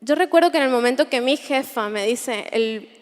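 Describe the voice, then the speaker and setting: A woman's voice: high voice, animated, a little fast. Earnest young woman in a reverberant hall. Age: 20s. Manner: earnest, reflective, repeats phrases while searching for words. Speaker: conference speaker. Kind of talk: personal testimony at a Bible conference. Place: large hall.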